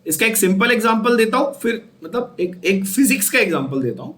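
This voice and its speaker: High-voiced man teaching chemistry. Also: sing-song, fairly quick, a bit bright. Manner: asks the students questions and repeats key terms, switching between Hindi and English. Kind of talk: classroom lecture.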